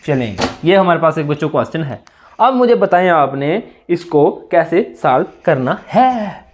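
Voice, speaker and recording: A man teaching chemistry in a classroom-style lecture with a sore throat, asking students questions and answering them himself in repeated call-and-response. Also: high voice.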